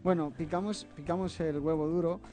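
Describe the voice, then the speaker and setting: This slightly Catalan-accented man, warm-toned and on the high side with fairly even intonation, is cooking on a television kitchen set as a guest chef. Step by step, he explains the recipe with patience, often adding a brief "eh?" to his phrases, while faint background music runs underneath.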